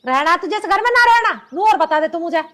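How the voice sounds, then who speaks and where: A woman's voice: extremely high pitch, lively intonation, fairly quick. Scolding Haryanvi mother-in-law. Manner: sharp, scolding, taunting.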